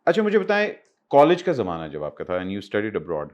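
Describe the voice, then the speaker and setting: A man hosting a podcast, asking short questions and giving quick affirmations in a mix of Hindi-Urdu and English. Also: lowish voice, huge pitch swings, dull audio. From Pakistan. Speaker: podcast host. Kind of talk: interview questions.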